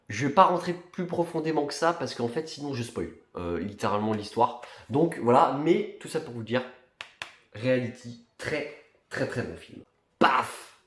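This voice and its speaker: A young man vlogging casually about his new purchases, talking in a relaxed way with many fillers and restarts. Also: mid-range voice, roomy sound. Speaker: collector vlogger. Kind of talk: casual chat.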